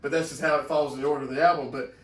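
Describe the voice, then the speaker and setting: A man's voice: fairly high pitch, fairly even intonation, rapid-fire. A man co-hosting a podcast, telling rambling stories in casual chat. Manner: rambling storyteller, laughs often. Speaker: podcast co-host. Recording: echoey room from far off, faint noise.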